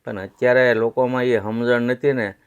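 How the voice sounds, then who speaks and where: Argumentative man, mid-pitched voice. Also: fairly even intonation, moderate pace, clear, resonant tone, lo-fi sound. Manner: argumentative, explaining. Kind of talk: casual discussion.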